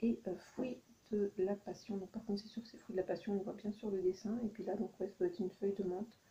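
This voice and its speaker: A woman's voice: medium pitch, fairly even intonation, quick pace, mellow, muffled recording. A woman chatting through a shopping haul for her channel, hesitant and thinking aloud with many ums. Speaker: YouTuber doing a shopping haul. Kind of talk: casual haul vlog. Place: at home at night.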